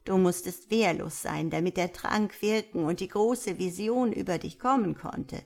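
A woman voicing a kindly old village elder woman who speaks in a calm, solemn way, in a storybook reading. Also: on the low side, a little slow, creaky.

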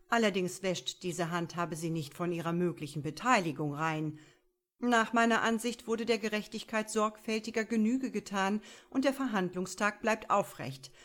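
A woman voicing a composed male prosecutor who talks in a measured, formal and faintly mocking way. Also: mid-range voice, natural voice.

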